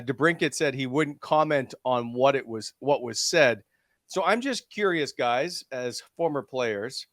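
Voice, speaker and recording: A man's voice: mid-range voice, fairly bright tone, dry recording, studio quality. A man asking questions as host of a casual sports interview.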